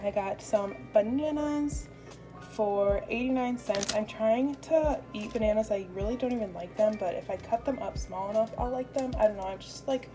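Speaking at a medium pitch and moderate pace, a young American vlogger chats informally to her viewers from a home kitchen. The audio is poor, and music plays in the background.

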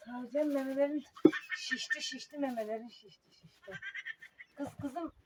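A woman on a farm coaxing and calming her animal, repeating short calls over and over. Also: sits high, moderate pace, heavy background noise. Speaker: farmer tending her animal. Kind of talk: casual talk to an animal.

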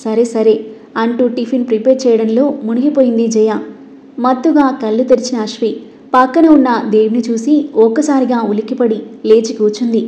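Woman narrating a story, mellow. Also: on the high side, brisk. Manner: steady storytelling reading. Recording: dull lo-fi recording.

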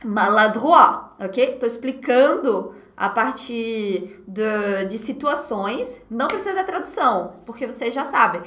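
A Brazilian woman teaching a live beginner French class online, animated and drilling words by repetition, laughing often. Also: a little high, a little slow, hardly any pauses, roomy sound. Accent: Brazilian Portuguese. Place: home setup at her computer. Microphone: computer mic.

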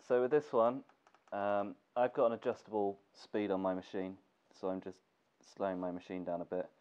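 His lowish voice keeps a moderate pace and a clean tone, though a cold makes it congested. This young gear maker casually runs through a sewing tutorial in his workshop, relaxed and thinking aloud with fillers. The camera audio is dull and lo-fi, with faint noise.

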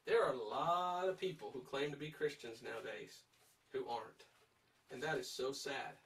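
A man's voice: medium pitch, normal speed, creaky, a bit bright, recorded from a distance, poor audio. A man teaching a verse-by-verse Bible study in an emphatic, urging way, putting direct questions to his listeners.

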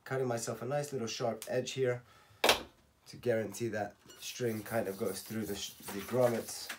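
A man in his thirties, slightly hoarse from losing his voice, calmly talking through a how-to tutorial step by step and counting aloud. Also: medium pitch, normal speed, noisy background. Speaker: racket stringing instructor. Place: home workshop at night. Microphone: camera on a tripod.

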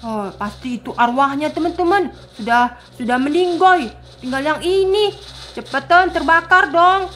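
A woman narrating and voicing a school game role-play, talking excitedly to her viewers as friends. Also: sits high, moderate pace.

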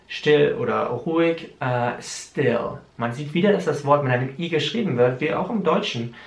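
A man teaching English vocabulary, saying each word slowly and explaining its spelling and sounds. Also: fairly high pitch, expressive, vocal fry, reverberant. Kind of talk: vocabulary lesson with pronunciation drills.

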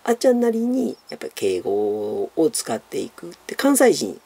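A man's voice: a little high, wildly swooping pitch, moderate pace, warm tone, slightly rough. A man with a Kansai accent chatting casually as a YouTuber, answering viewer questions in a rambling way full of fillers and referring to himself by his nickname. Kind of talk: casual Q&A monologue.

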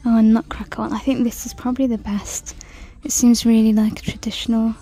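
A woman chatting through a shopping walk-through in a large store, reading out prices and sometimes dropping to a soft whisper, filmed on a handheld phone. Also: fairly high pitch, level tone, fairly quick, breathy edge, soft background music. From United Kingdom. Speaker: shopping vlogger. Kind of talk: casual shop-with-me commentary. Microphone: handheld phone camera.

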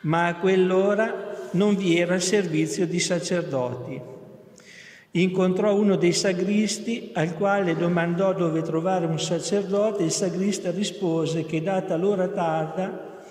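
A man reading a devotional story as narrator, in a steady, measured way, in an echoey hall. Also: high-pitched. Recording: echoey hall, long reverb.

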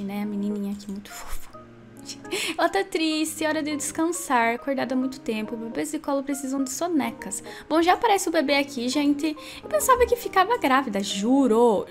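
A woman with a Brazilian Portuguese accent, chatting casually to her viewers while she plays and comments on a life-simulation game. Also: high voice. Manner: chatty, talks straight to viewers. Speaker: gaming video creator.

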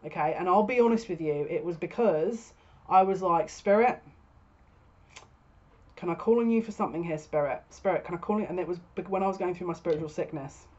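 Speaking briskly in a slightly mellow voice on the low side, a thirtysomething psychic offers a relaxed tarot reading straight to camera. She's indoors in a small, furnished room at home. Her webcam captures dull, lo-fi sound.

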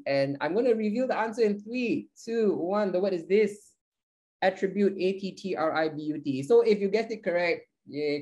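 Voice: medium pitch, a little mellow, poor audio. A teacher runs a live online class in a playful, joking way and counts down to each answer.

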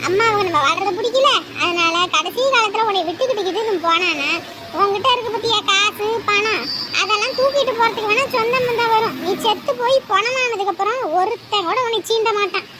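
This is an actress voicing a hard-edged woman in a Tamil family drama who scolds and threatens. Her voice sits very high, and she delivers her lines as a long lecture. Steady background noise runs under the recording. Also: fairly quick. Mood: stern. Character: stern woman threatening a cruel mother-in-law. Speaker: woman scolding a cruel mother-in-law. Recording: noisy background.

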